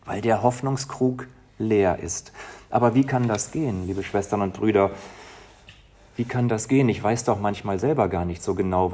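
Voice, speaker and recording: A man preaching a heartfelt sermon as a pastor, shifting between soft, quiet passages and emphatic, rising lines. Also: lowish voice, husky. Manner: emotional, dynamic, swings from soft to emphatic.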